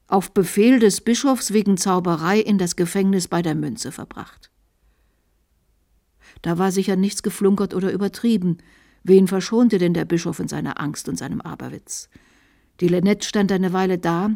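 A woman's voice: fairly low pitch, a little mellow. Woman reading a story aloud. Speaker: narrator. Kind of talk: scripted literary reading for radio.

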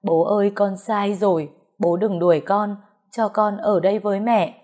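A woman's voice: medium pitch, steady tone, normal speed, darkish tone, lightly acted. A young woman sobs and begs for her mother's life, voiced by a woman narrator. Her pleading is tearful and raised in a spoken story. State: crying.

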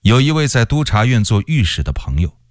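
A man narrating a historical story for radio in an expressive, unhurried way. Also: mid-range voice, no room sound, clean studio sound. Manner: expressive and unhurried, with wide swings of voice. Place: radio studio.

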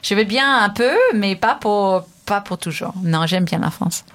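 A woman from the United States with an American accent, speaking non-native French as a guest in a radio interview, lively and chatty with frequent restarts. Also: mid-range voice, a little slow, a little hiss or hum. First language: English.

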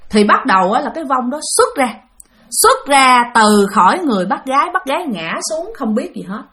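A woman with a Southern Vietnamese accent narrates a ghost story for her channel in a chatty, conversational way, talking straight to her listeners. Her voice sits fairly high and moves a lot in pitch. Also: sing-song, moderate pace, bright, forceful tone. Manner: chatty, addresses listeners often.

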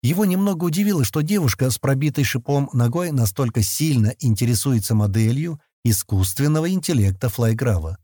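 A male audiobook narrator with a mellow, slightly husky voice and a lively, animated melody. He tells the story in a calm, expressive way, close to a dry mic. The sound is intimate and dry, with no room echo. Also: medium pitch, brisk, few pauses. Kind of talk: audiobook reading.

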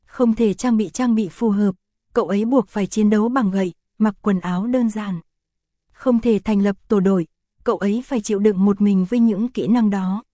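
A woman narrating a fantasy novel as an audiobook, in a steady, even storytelling read. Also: mid-range voice, normal speed, no echo, studio quality.

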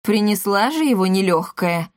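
A woman's voice: medium pitch, animated, moderate pace, no room sound, clean studio sound, natural voice. A woman voicing an indignant, sleepy male merchant who grumbles and mutters. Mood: grumbling.

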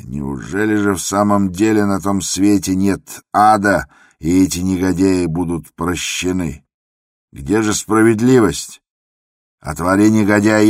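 A man voicing a frantic, furious male asylum patient who shouts hoarsely, in a radio drama. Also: deep voice, sing-song, slow pace, no echo, clean studio sound, heavily acted. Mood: desperate. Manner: shouting, raging.

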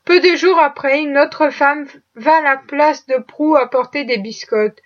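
A woman reading a classic novel aloud in a measured, steady storytelling manner. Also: high-pitched. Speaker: audiobook reader. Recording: dull lo-fi recording.

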